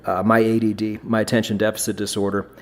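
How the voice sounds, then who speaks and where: A man's voice: fairly low pitch, level tone, quick pace. A man hosting a podcast in casual chat, blunt and swearing freely, often restarting his phrases. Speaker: podcast host.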